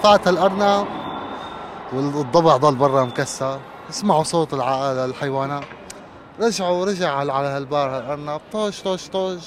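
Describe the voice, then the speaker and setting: A high-voiced man with a Levantine Arabic accent tells jokes in a lively storytelling manner. Loud traffic noise from the city street sits behind him. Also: fairly quick.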